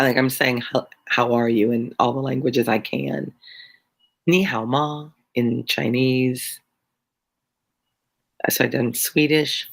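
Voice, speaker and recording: A middle-aged American tutor hosts a live read-along, reading a classic novel aloud and then chatting with viewers. The voice is medium-pitched and fairly bright with vocal fry, and the banter is chatty, playful and self-deprecating.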